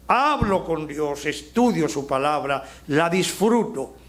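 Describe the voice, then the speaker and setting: A middle-aged Dominican man preaching a sermon as pastor, slowing down and rising on key phrases for emphasis. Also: a little high. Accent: Dominican Spanish. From Dominican Republic.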